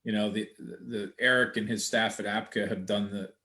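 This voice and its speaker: A man's voice: lowish voice, fairly even intonation, moderate pace, bright, forceful tone. A man hosting a casual online chat, talking in a rambling, hesitant way with many restarts. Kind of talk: casual video-call chat.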